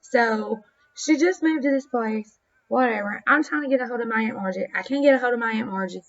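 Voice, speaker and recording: High-pitched woman, casual swearing vlogger, muffled home-camera sound. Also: a little fast. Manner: profane, rambling, self-conscious on camera. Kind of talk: casual storytelling vlog.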